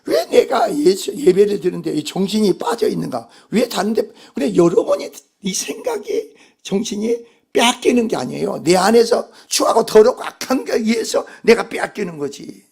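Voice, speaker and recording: A man's voice: high-pitched, wildly swooping pitch, normal speed, creaky, darkish tone, slightly rough. A male pastor delivering a Sunday sermon, emphatic and putting rhetorical questions to the congregation.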